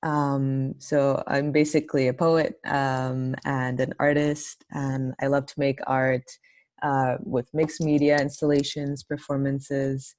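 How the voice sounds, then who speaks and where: Low-voiced woman on a dry call. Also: level tone, takes it slowly, a little mellow, no room sound. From Italy and Hong Kong. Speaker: poet and artist. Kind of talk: self-introduction. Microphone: video call.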